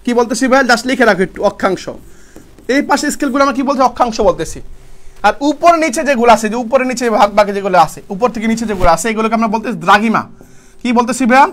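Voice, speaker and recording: A young male tutor gives a fast online exam-prep lecture in a very high voice. He fires questions at his students and answers them himself, repeating each key term. He speaks casually and calls his students brother. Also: fairly bright tone.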